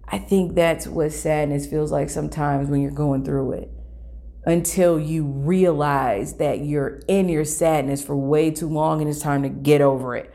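A woman's voice: low-pitched, fairly even intonation, measured pace, creaky, mellow. A woman talking earnestly and thoughtfully to her listeners, reflecting on personal struggles.

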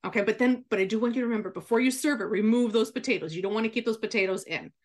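Speaking rapid-fire in a slightly high voice, a woman guest offers cooking tips on the radio. Her explanatory style is chatty and instructive, and she keeps checking in with "right?"

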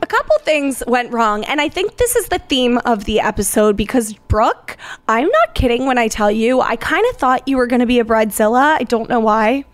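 A woman's voice: on the high side, very animated, moderate pace, no room sound. A young woman hosting a casual podcast, chatty and bubbly, laughing easily. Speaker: podcast host.

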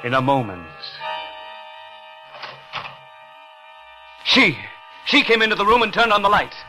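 Brief: a halting, pleading young man, 1940s radio drama narration. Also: high voice, big pitch swings. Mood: tense. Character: nervous, stammering young ex-soldier intruder. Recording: old radio broadcast with music.

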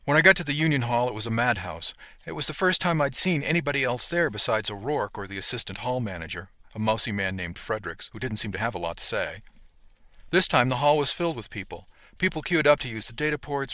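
A man narrating a first-person audiobook in an earnest, steady storytelling manner, close to the mic. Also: medium pitch, no echo.

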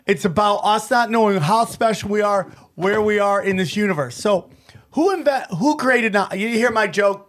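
A man's voice: sits high, normal speed, a bit bright. A man hosting a podcast debate, playful and mock-earnest, often cutting in on the others. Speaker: podcast host and moderator. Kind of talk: joking podcast banter.

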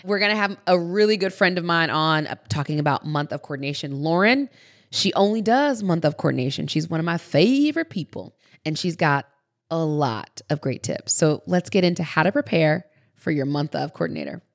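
Her deep voice has lively intonation and a brisk pace as this wedding planner hosts her podcast. She conducts casual, chatty interviews with an upbeat, informal and encouraging manner.

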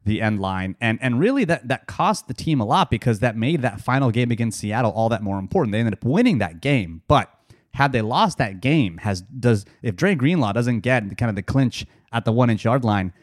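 A man's voice: mid-range voice, lively intonation, brisk, no room sound. Male podcast host, nasal and stuffy, casual sports chatter, dry booth sound. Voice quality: nasal from cedar fever. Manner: chatty, joking, loose fillers and laughs.

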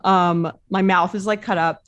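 A woman's voice: lowish voice, fairly even intonation, normal speed, dry recording, highs cut off. A woman co-hosting a podcast in casual chat, speaking with braces on her teeth. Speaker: podcast co-host.

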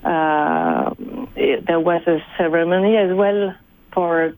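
A shaken woman in her forties with a French accent, a native French speaker giving an eyewitness interview and haltingly searching for English words. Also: lowish voice, big pitch swings, darkish tone, dry recording, poor audio. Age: 40s. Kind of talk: live radio interview.

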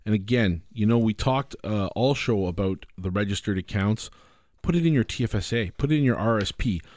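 Animated Canadian radio co-host, low voice. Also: male voice, fairly quick, no echo, clean studio sound. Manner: animated, acts out little scenes. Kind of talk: casual radio talk on finance.

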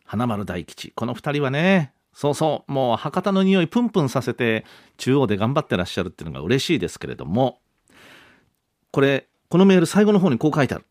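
Man in his fifties, radio host; animated, swooping delivery, dry close studio sound. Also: medium pitch, brisk, no echo. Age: 50s. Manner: chatty, polite and rambling. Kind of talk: casual radio chat reading listener mail.

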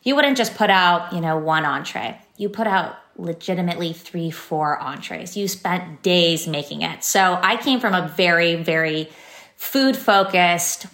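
With a fairly low, slightly bright voice, a woman in her thirties from San Francisco talks as a podcast guest about founding her company. She comes across upbeat and chatty, leaning heavily on fillers, in an echoey room.

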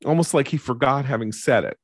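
A man's voice: mid-range voice, fairly quick, no echo, clean studio sound. A middle-aged man hosting a political talk show, commenting analytically and in long digressions. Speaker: host.

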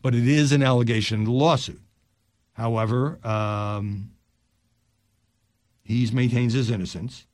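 An older man hosting a news podcast, reading stories aloud and dropping his voice low for quick asides. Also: no echo, clean studio sound. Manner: animated delivery, drops low for asides.

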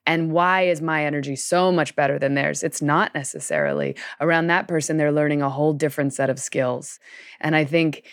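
A woman guest speaks passionately on a podcast, telling lively anecdotes. Her voice sits very low, and the recording is dry and close. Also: no room sound. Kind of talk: podcast conversation.

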